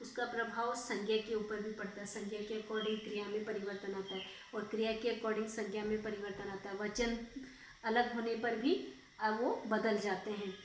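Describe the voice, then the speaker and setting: A woman's voice: medium pitch, little pitch movement, normal speed, a little hiss or hum. A young woman teaching a school grammar lesson, patiently repeating words and asking checking questions. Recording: very echoey room, voice far off.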